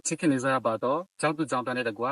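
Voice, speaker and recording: Rapid formal young man MC. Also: mid-range voice, fairly bright tone, low-quality recording. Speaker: event MC. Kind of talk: formal event greeting.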